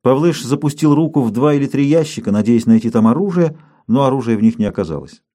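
Man, audiobook narrator, measured storytelling, husky, mellow tone. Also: mid-range voice, lively intonation.

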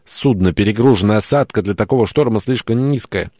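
A wary fisherman states the danger plainly and with worry, as a male narrator reads him. The voice is low and deep, recorded dry and close. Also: fairly quick, darkish tone, no room sound. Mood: worried. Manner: worried, matter-of-fact.

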